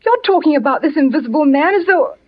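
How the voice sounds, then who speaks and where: A soothing young vicar's daughter. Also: female voice, high voice, animated, quick pace. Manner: soothing, earnest. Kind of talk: 1940s radio acting. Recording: dull old radio broadcast.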